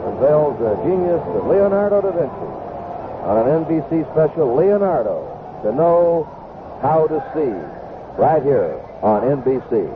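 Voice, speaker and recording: An American man calls baseball play-by-play live from a ballpark broadcast booth as a radio announcer. His voice is on the high side, sing-song and a little slow, heard through a noisy, tinny 1970s AM radio broadcast.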